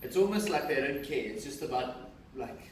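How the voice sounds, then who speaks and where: A man rambling with cheek and enthusiasm about rugby, in a mid-pitched voice. The sound is very roomy, off the mic, with faint noise behind. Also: animated, moderate pace, far from the mic. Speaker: podcast co-host. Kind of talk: casual banter and match talk. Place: studio.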